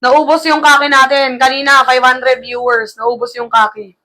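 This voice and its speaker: High bright woman doing live-selling patter. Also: level tone. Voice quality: slightly gravelly through the mic. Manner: brisk, repetitive sales patter addressing buyers as madam. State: tired, low energy after shouting. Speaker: online live seller. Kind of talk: live-selling sales pitch. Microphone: close-up streaming mic.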